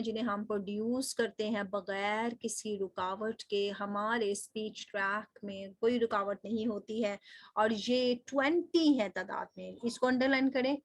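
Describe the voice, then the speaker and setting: A woman's voice: on the high side, dry recording, studio quality. A woman teaching linguistics in a recorded lecture, explaining step by step, asking rhetorical questions and telling students what to underline.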